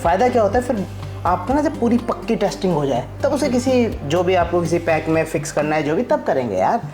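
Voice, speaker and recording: Brisk and high-pitched, a dad hosting a vlog swings widely in pitch as he casually explains his DIY work. Clear background music accompanies him.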